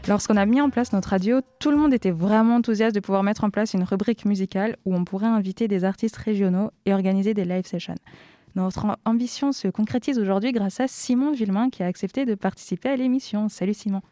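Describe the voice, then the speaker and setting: A woman presenting a student radio music show, brisk and upbeat. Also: mid-range voice, mellow, no room sound.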